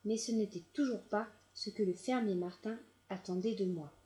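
A woman reading a children's audiobook aloud in a gentle, measured storytelling manner. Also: medium pitch. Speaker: storybook narrator.

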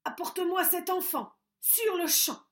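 A woman voicing a huge, hungry male ogre in a storybook reading, growling his demands loudly and slowly. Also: extremely high pitch, pitched above the performer's own voice. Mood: menacing. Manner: growling, loud and slow.

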